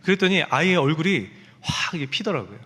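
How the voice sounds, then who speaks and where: A man's voice: a little high, sing-song, a little fast, sharp tone, husky, long reverb tail. A man preaching a sermon as pastor, telling stories and acting out the voices of the people in them. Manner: storytelling, acting out quoted speech. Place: church sanctuary.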